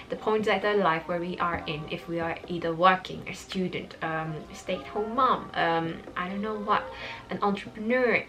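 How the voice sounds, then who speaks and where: Low-voiced young woman vlogging, hesitant. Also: sharp tone, poor audio. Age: 20s. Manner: rambling, frequent ums and restarts. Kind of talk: casual vlog monologue. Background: background music.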